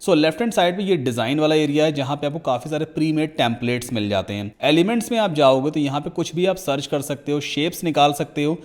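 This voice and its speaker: Guy doing a click-by-click tutorial, easygoing, kinda high voice. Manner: casual, talks viewer through clicks step by step. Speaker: tutorial instructor. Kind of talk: screen-recorded software tutorial.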